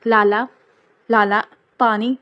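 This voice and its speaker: A woman voicing a frightened young bride who pleads in tears, her cries rising high. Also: level tone, fairly bright tone, dry recording, highs cut off, lightly acted.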